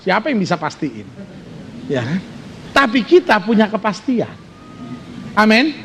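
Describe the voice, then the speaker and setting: A man preaching a sermon as pastor, lively and joking, quizzing his congregation. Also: high-pitched, measured pace, slight background noise.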